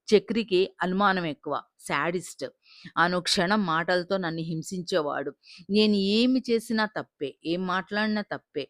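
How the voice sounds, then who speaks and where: A woman's voice: on the low side, fairly bright tone, dry recording, clean studio sound. A woman narrating an emotional family audio story in the first person, with a dramatic delivery.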